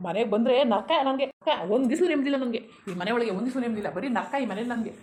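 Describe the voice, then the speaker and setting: A woman's voice: fairly high pitch, darkish tone, a little hiss or hum, natural voice. A woman voicing a drunk, abusive middle-aged village father who snarls threats, for a cartoon. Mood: angry. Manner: snarling threats, rapid scolding.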